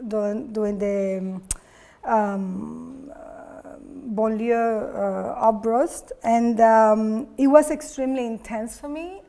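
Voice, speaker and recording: Woman from Cuba, native Spanish speaker, artist talk, somewhat high voice, halting and searching. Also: a little mellow. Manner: halting, searching for words with many fillers. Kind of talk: public talk. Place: gallery talk before an audience.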